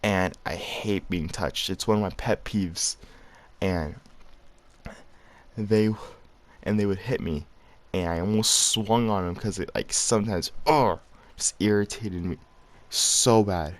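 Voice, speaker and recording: A young man with a lowish voice rambles through a personal story for his viewers. He talks in loose slang and keeps chuckling at himself. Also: takes it slowly, long pauses. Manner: slangy, rambling, laughs while telling. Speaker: vlogger. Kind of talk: casual storytelling.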